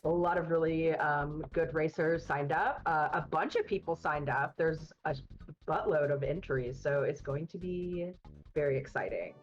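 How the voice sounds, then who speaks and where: A woman's voice: low-pitched, moderate pace, soft background music. Woman on a muffled, tunnel-like webcam mic. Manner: upbeat, chatty, many fillers. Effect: muffled webcam mic that sounds like a tunnel. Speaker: speedrun race commentator. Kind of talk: casual commentary chat. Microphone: built-in webcam mic.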